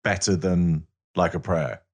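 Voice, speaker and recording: A man with a very low voice speaks as an interviewer. His delivery is casual and conversational, like a chat between two people. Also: unhurried.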